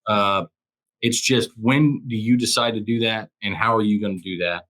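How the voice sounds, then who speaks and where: A man's voice: lowish voice, normal speed, fairly bright tone. A man who once worked as a police officer and now coaches people through crisis, speaking as a guest in casual conversation. He talks with firm emphasis and often repeats phrases to drive his point home.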